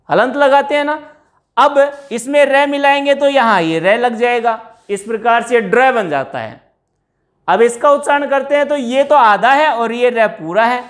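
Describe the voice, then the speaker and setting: Slow, patient male grammar teacher. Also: very high voice. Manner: slow, explaining step by step with repeated questions; drawn-out words when stressing examples. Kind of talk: Hindi grammar lesson.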